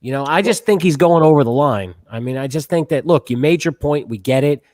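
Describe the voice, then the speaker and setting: A man's voice: fairly high pitch, expressive, brisk, darkish tone, no echo. Emphatic opinionated man, dry sound. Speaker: sports podcast co-host. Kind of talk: casual sports debate.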